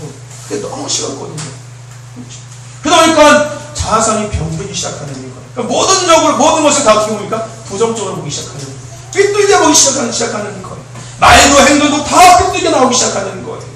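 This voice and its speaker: A man's voice: very high voice, big pitch swings, fast, a bit bright, slight background noise. A man preaching a sermon in a church, emphatic and often asking the congregation questions. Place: church sanctuary. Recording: very echoey hall, distant mic.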